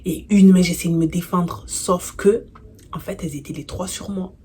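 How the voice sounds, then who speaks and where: Lowish-voiced woman telling a slangy story. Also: normal speed, slight background noise. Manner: animated, slangy storytelling with many fillers; gets louder and more intense while recounting the fight. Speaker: YouTuber telling a personal story. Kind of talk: casual storytime vlog.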